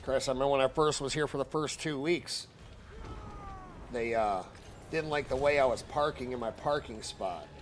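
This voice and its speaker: A man's voice: medium pitch, normal speed, a little hiss or hum. A man telling a story on a stream in a casual, heated, profane ranting manner.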